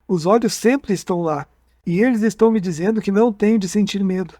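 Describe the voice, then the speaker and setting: A man reads aloud as a frightened, dazed man under hypnosis, reliving an abduction on a dark road one strange night, halting and tripping over his words. His voice is fairly high and dry, recorded with no room sound at all.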